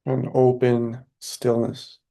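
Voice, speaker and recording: Soft and soothing, a man with a medium-pitched, creaky voice takes listeners through a guided meditation, unhurried and calm, leaving long silences between phrases.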